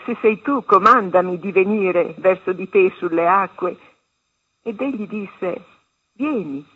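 Husky woman reading scripture on a phone line. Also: lowish voice. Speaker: reader on a religious radio program. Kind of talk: reading scripture and a meditation aloud. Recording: tinny phone-line sound.

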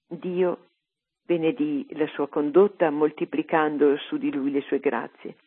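A man reading a devotional text aloud in a measured, solemn way, over a tinny phone-like radio broadcast. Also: fairly high pitch, husky. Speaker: reader of a saint's life.

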